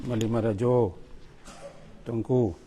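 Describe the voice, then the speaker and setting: A man's voice: medium pitch, fairly even intonation, slow pace, mellow, a little hiss or hum. Man giving short commands in a reverberant mosque. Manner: coaxing, gives short commands and checks on students. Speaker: religious teacher. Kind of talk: hands-on prayer lesson for students. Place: mosque prayer hall. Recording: long mosque hall reverb.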